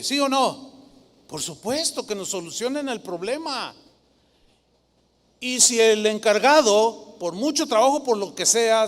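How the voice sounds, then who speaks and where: High-voiced pastor preaching dramatically. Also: male voice, in a large hall. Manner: dramatic preaching, mimics flatterers in a sugary voice. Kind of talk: sermon.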